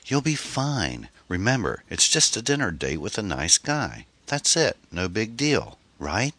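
A man voicing a gentle, supportive middle-aged woman who coaxes and reassures her anxious friend. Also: lowish voice, sing-song, unhurried, dry recording, pitched above the performer's own voice, heavily acted. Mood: coaxing. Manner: coaxing, reassuring.

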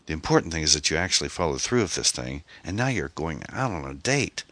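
A man voicing a gentle, supportive middle-aged woman who coaxes and reassures her anxious friend. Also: very deep voice, very animated, fast, no room sound, exaggerated voice. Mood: coaxing. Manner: coaxing, reassuring.

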